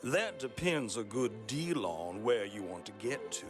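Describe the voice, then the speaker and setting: An actor playing a sly, enigmatic talking cat in a radio play. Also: male voice, on the low side, very animated, a little slow, soft background music.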